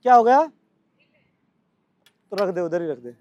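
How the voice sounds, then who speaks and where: Brisk, scolding Delhi coach, high voice. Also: male voice, expressive, warm tone, dry recording, highs cut off. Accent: Delhi Hindi. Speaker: physical training coach. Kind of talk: coaching at outdoor practice.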